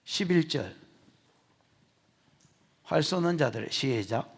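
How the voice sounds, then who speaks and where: A man with a Gyeongsang Korean accent preaching an expository sermon as pastor, joking with the congregation and shouting his key points. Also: on the high side, slow pace, breathy edge. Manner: animated, jokey, shouts for emphasis.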